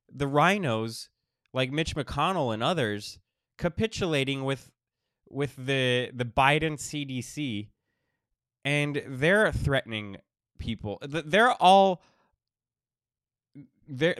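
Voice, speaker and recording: Recovering from being sick, this podcaster sounds wheezy and winded as he talks casually on his own, stopping often and circling back over the same phrases. The recording is dry and studio-clean, and his mid-range voice leans slightly bright.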